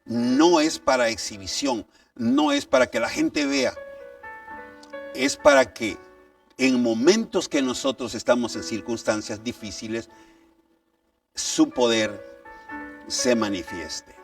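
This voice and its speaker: A man's voice: medium pitch, very animated, slow pace, gravelly, pauses often. A man preaching a sermon. He reads scripture aloud and asks emphatic rhetorical questions. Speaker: pastor. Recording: distant mic, faint background music.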